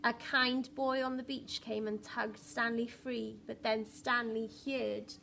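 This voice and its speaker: Reading a picture book to young children, a woman primary school teacher uses dramatic emphasis and poses questions to her listeners. Her fairly high voice is gravelly yet fairly bright, level in tone and slow, with slight background noise.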